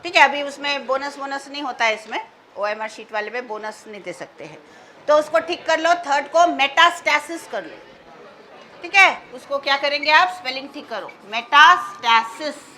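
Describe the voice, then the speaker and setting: High bright-voiced woman teaching biology. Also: lively intonation, a faint crowd, a little hiss or hum. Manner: mixes Hindi and English, slows to dictate key terms. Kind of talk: exam answer walkthrough lesson.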